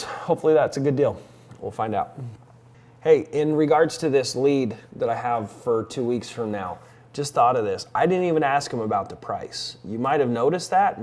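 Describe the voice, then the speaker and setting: A man's voice: medium pitch, darkish tone. A man talking casually to viewers in a day-in-the-life vlog, like an informal coach explaining his plans. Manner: informal vlogger addressing viewers. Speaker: vlogger and real estate investing coach.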